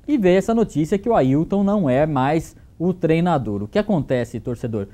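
Male sports reporter, higher voice, mellow tone, conversational, lapel mic, studio. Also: lively intonation, normal speed. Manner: loose, conversational delivery with fillers. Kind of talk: live news sports report. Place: TV news studio.

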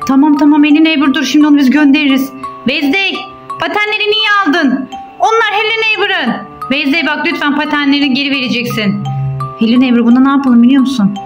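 A mother narrating toy play in an animated way, urging and hurrying along with excited calls. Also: high voice, fast talker, lo-fi sound. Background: music.

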